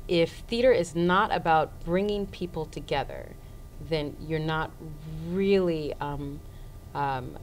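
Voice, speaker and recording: A woman from Florida with a Haitian family, a stage actor talking casually in an interview and pausing often with many ums. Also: deep voice, a little hiss or hum, poor audio. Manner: hesitant, many ums, idealistic.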